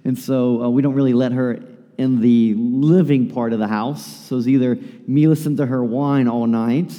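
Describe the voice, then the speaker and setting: A tired male pastor preaching in a church with a long, ringing reverb. His voice is mellow and darker in tone, and he talks casually, with fillers and restarts, like a friendly chat from the pulpit. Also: mid-range voice, steady tone, normal speed. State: tired, yawning. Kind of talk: sermon.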